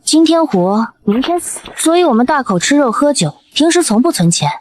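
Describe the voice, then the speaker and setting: A young woman telling a first-person story for an animated drama, her high voice rising and falling a lot as she moves along fast. she sounds brisk and lively, and a light hiss sits under the recording. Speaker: narrator.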